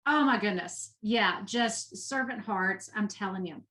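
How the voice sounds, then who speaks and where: This interview guest, a Texan nonprofit education executive, speaks with conviction and uses repetition for emphasis. Her medium-pitched voice is bright and forceful, and she talks a little slowly.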